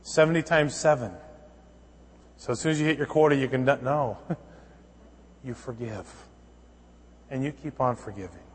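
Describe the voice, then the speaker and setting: A man's voice: medium pitch, moderate pace, pauses often, breathy edge. Man preaching in a reverberant church. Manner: storytelling with acted dialogue, rising to emphatic preaching. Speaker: pastor. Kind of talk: sermon.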